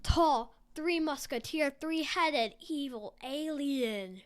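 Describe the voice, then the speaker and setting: Slow-talking high-voiced woman telling a tall tale. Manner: rambling, hesitant, with fillers and restarts. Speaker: podcast host. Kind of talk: improvised storytelling chat.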